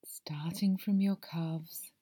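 A woman voices a masseuse in a calming ASMR roleplay, alternating between a hushed tone and whispers. Her breathy, mellow voice is slightly low and steady, and she speaks slowly, giving every phrase plenty of time.

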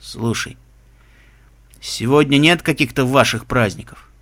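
A man reading aloud and voicing a gruff, teasing middle-aged stepfather who speaks in a lazy drawl. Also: mid-range voice, measured pace, fairly bright tone, pitched below the performer's own voice, lightly acted.

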